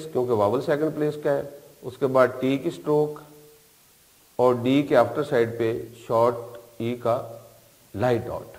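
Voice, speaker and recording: Speaking at medium pitch with a slightly mellow tone, a man from Pakistan with a Pakistani accent teaches shorthand at a board. His lecture goes patiently step by step, repeating key terms, and the hall-like room adds long reverb.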